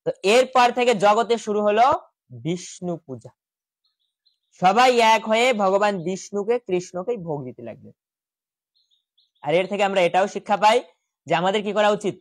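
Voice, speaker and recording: Man, village scripture teacher, animated storytelling, quizzes pupils, dry close sound. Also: sits high, normal speed, long pauses, dry recording. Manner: animated, acts out god's voices in quoted lines, asks pupils questions. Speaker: Gita school teacher. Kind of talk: storytelling scripture lesson to children. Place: village house school room.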